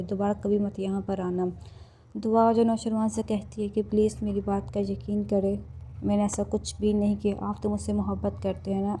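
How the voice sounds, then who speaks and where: A woman's voice: mid-range voice, mellow, slight background noise. A woman casually retelling a TV drama's plot, narrating steadily with a few restarts. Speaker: drama episode recapper.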